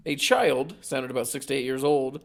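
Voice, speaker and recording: A man's voice: lively intonation, normal speed, a bit bright. A man co-hosting a podcast, reading a creepy story aloud and joking through it. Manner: hammy, slips into silly high voices and laughs. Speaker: podcast co-host.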